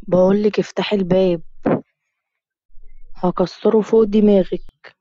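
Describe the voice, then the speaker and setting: A possessive, hot-tempered young Egyptian man barks blunt commands, voiced by a woman narrator. The tone stays dark and mellow, on a dull, dry recording. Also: medium pitch, fairly even intonation, unhurried, no echo, lightly acted. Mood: threatening.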